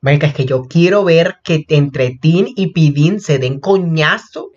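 A young man giving casual, gossipy reaction commentary, excitable and prone to sudden shrieks. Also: on the high side, measured pace, dull audio. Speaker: reaction vlogger.

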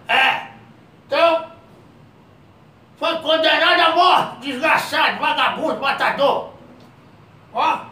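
A man playing a feisty old man who calls himself king, yelling insults and threats in a comedic sketch. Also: very high voice, roomy sound, far from the mic, heavily acted. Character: feisty old man, self-styled king, scolding a virus.

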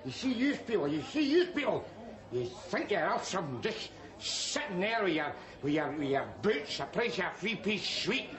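A man's voice: sits high, very animated, normal speed, a crowd in the background. An actor playing a belligerent, mouthy middle-aged working-class man from Glasgow, with a strong Glaswegian Scottish accent, ranting sarcastically in a TV sitcom. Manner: ranting, sarcastic, bursts of jeering shouts. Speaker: sitcom lead character. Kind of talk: television sitcom acting.

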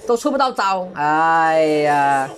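A woman doing excitable live gameplay commentary, full of exclamations and mild curses. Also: deep voice, slow pace, slight background noise. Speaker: game streamer.

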